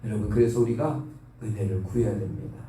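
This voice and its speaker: A man's voice: fairly low pitch, fast talker, mellow, far from the mic, slight background noise. Fervent male pastor in an echoey hall. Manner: fervent, urges the congregation to pray. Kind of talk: dawn prayer service sermon. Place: church sanctuary.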